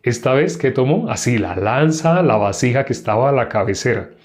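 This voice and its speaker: Man reading scripture and commenting. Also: medium pitch. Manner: slow reading, then lively commentary with rhetorical questions. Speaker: Bible teacher.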